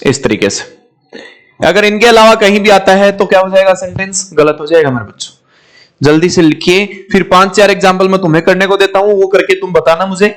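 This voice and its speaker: A man's voice: high voice, brisk. A man teaching an English grammar class, asking questions and repeating the answers, calling his students "my children". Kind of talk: classroom lecture.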